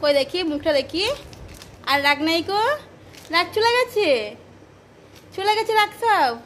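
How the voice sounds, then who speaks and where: Very high-voiced mother coaxing a toddler. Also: lively intonation, a little slow, a bit bright, a little hiss or hum. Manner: coaxing, sing-song questions to a toddler. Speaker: mother filming her child. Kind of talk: casual chat with a child.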